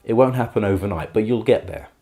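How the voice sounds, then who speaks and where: A man giving a beginner guitar tutorial in a careful, unhurried way, patiently and reassuringly explaining each step. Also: fairly low pitch, expressive, warm tone. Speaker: guitar teacher. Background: acoustic guitar playing.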